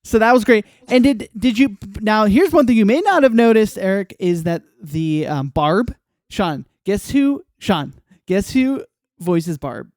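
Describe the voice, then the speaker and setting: High, clear-voiced joking podcast host. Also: male voice, a little slow, no room sound, clean studio sound. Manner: animated, joking, emphatic. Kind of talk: casual podcast chat.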